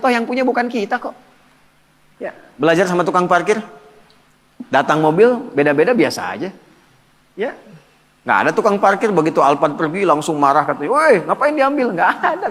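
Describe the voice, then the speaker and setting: Lively preacher in a reverberant hall. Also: male voice, high voice, fairly quick. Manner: lively, asks the audience questions and answers them. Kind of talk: religious lecture.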